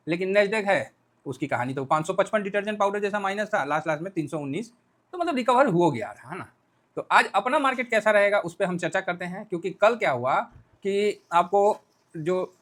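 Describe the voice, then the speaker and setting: A man giving casual market commentary, joking and colloquial, with lots of rhetorical questions as he acts out the news. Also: high voice. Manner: lively, playfully acts out the news. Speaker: stock market analyst.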